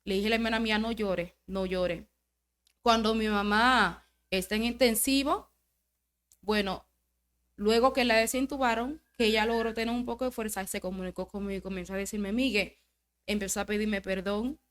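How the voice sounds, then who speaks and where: A woman's voice: medium pitch, steady tone, moderate pace, a bit bright. A woman, a podcast guest, tells an emotional religious testimony, acting out quoted dialogue and repeating phrases for emphasis. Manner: storytelling, acts out quoted dialogue.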